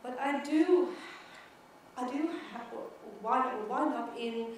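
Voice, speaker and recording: In a large conference hall, a middle-aged Swedish woman speaks English with a Swedish accent during her keynote, stuttering through repeated words and syllables. Her voice is high-pitched and slow. The far-off mic catches lots of echo and a slight hiss or hum.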